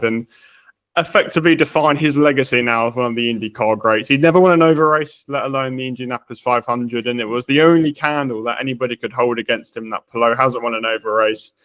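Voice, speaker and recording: A man's voice: medium pitch, a bit bright, no room sound. A man co-hosting a motorsport podcast, talking casually and laughing at his own slips. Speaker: podcast co-host.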